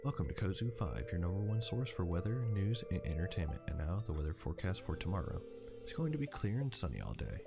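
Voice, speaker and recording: A man's voice: deep voice, sing-song, fast, gravelly, loud music behind the voice, heavily acted. A man voicing a TV weather announcer from a farming game, with formal announcing delivery. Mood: presentational. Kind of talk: reading video game dialogue aloud.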